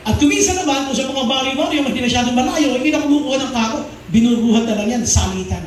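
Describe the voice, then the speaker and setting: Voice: high voice, fast talker. A pastor preaching a sermon in a mix of Tagalog and English, who often asks the congregation questions and repeats key phrases. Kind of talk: Taglish sermon. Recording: very echoey hall, mic far off.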